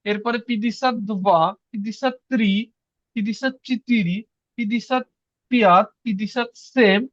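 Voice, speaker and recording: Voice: medium pitch, fairly even intonation, unhurried, no echo, muffled recording. A teacher giving an online language class, patiently repeating each word and drilling the learners to say it back.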